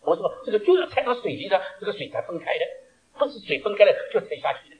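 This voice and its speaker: A male preacher delivers a sermon, weaving stories together with rhetorical questions. His fairly high voice rises and falls in lively swings. He moves from loud, emphatic lines to hushed asides. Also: fast, highs cut off.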